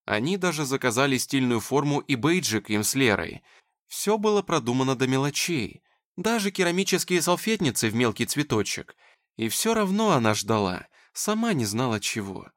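A man's voice: medium pitch, sing-song, normal speed. A man narrating an audiobook expressively.

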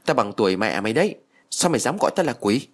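A man voicing a spiteful, foul-mouthed old village woman who curses and wails in a shrill voice. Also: very animated, quick pace. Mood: cursing. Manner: shrill, cursing, wailing.

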